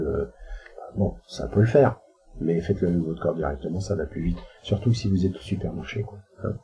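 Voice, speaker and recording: Male spiritual speaker, low pitch, colloquial and halting, muffled recording. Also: gravelly, mellow. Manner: hesitant and colloquial, with frequent filler sounds. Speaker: spiritual speaker answering questions. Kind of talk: casual spiritual teaching talk.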